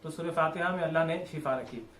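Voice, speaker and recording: Man, religious teacher; patient repetitive explainer, fairly high pitch, roomy echo. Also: brisk, a bit bright, a little hiss or hum. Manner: explains step by step, repeats and rephrases. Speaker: Quran teacher. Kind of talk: religious lesson. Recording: echoey room with faint ambience.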